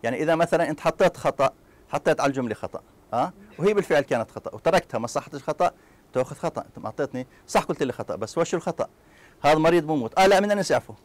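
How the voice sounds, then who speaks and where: Fast-talking Palestinian man lecturing. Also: a little high. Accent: Palestinian Arabic. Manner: lively, talks to students with quick asides and mock scenes. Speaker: university lecturer. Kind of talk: classroom lecture.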